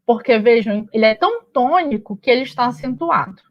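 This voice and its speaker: A woman's voice: fairly high pitch, lively intonation, a little fast. A woman teacher explaining step by step in a patient, explanatory manner, often checking in with her students. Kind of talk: recorded online lesson. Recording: muffled lo-fi audio.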